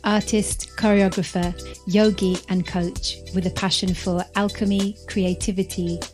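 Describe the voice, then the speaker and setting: A woman's voice: mid-range voice, flat delivery, measured pace, darkish tone, faint music behind. A woman hosting a podcast, reading the show intro and introducing her guest in an upbeat presenting manner. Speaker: podcast host.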